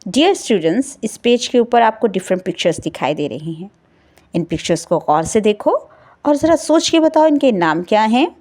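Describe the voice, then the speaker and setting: A woman teacher gives a recorded lesson to young children. She speaks slowly and deliberately, draws out her words with sing-song emphasis, prompts the children with questions and praises their answers. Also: fairly high pitch, very animated, darkish tone.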